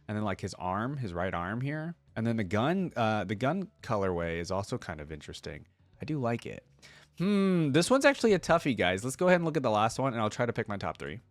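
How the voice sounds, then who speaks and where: The host of a game reaction channel, a man with a fairly low voice, reacts casually in a close, dry recording with no room sound. He thinks aloud in informal running commentary, deliberating hesitantly and speaking directly to viewers.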